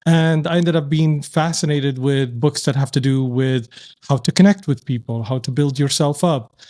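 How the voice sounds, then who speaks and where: A man's voice: medium pitch, moderate pace, warm tone. Thoughtful man from Syria. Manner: reflective, thoughtful, with frequent restarts. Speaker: podcast guest, entrepreneur. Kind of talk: casual interview.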